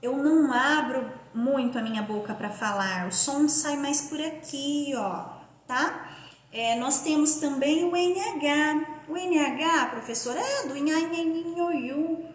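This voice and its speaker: A woman's voice: high-pitched, slight background noise. A woman teacher from Brazil giving a primary school phonics lesson, stretching out syllables and spelling words letter by letter. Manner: slow, drawn-out syllable-by-syllable pronunciation. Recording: echoey room.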